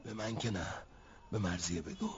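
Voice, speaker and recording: An actor playing a curt, sarcastic war veteran worn down by gas injuries, in a TV drama. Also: male voice, on the low side, natural voice. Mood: bitter. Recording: dull lo-fi TV drama sound.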